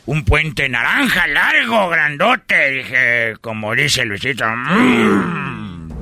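A man telling a comic story, animated, with sudden high-pitched shouts. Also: drawn-out words, creaky, no echo, clean studio sound.

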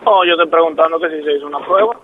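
A man's voice: fairly high pitch, very fast, slight background noise. A man on a phone call, defensive and blunt. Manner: defensive, then swearing in frustration. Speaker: prank call target.

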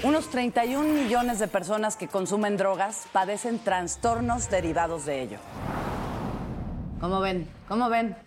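A Mexican woman hosting a talk show, leading the conversation with brisk, teasing interjections. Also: mid-range voice, lively intonation, noisy background. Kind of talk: casual chat.

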